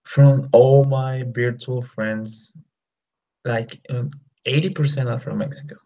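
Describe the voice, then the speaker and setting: A learner on a practice call chats casually over video, a man whose mid-range, dark-toned voice keeps a fairly even intonation. He's halting, searching for words with many fillers, and the video call line sounds dull and lo-fi.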